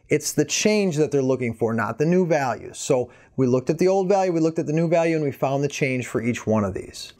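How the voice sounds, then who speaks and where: A man's voice: on the high side, darkish tone. A male economics teacher walking through an exam answer, explaining each step methodically and addressing viewers directly. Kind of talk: exam walkthrough lesson.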